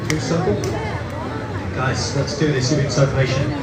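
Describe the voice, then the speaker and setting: A man's voice: mid-range voice, animated, normal speed. A man in his fifties working as a street performer, hyping and joking with his audience in cheeky comedic patter. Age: 50s. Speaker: street performer hosting a stunt show. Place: outdoor festival street show. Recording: roomy, distant pickup in loud crowd noise.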